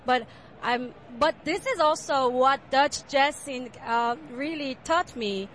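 A woman musician with a Korean accent, answering interview questions about her music, soft-spoken with many fillers. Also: high voice, slow, a little hiss or hum. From South Korea. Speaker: jazz pianist and composer. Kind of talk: interview at a jazz fair.

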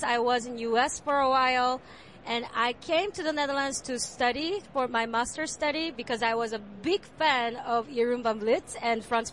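Woman, Korean accent, jazz pianist, soft-spoken, lots of fillers, high pitch. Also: slight background noise. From South Korea. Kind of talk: interview at a jazz fair.

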